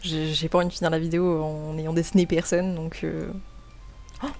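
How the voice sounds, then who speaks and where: A woman giving casual commentary while gaming and drawing, chatty and excitable, often stammering and repeating words, into a desk mic at home. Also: sits low, a little fast. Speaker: gaming and art YouTuber. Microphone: desk microphone.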